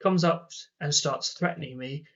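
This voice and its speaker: A man's voice: fairly high pitch, moderate pace, a bit bright, dull audio. A young man casually telling rambling personal stories, acting out the lines of the people in them. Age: young adult. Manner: rambling, acts out quoted dialogue. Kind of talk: casual storytelling.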